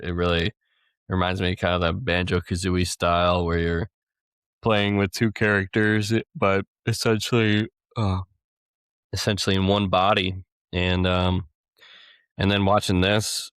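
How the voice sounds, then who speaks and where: Young male podcast co-host, very deep voice, rambling and laid-back, dry close sound. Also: fairly bright tone, clean tone, dry recording. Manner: rambling, laughs between thoughts. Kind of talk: casual gaming podcast chat.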